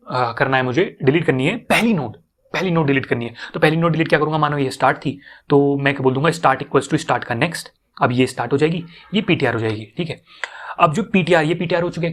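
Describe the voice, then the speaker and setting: Young man teaching, casual and repetitive. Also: a little high. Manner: casual, repeats steps, checks in with students. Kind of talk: explaining code on a whiteboard.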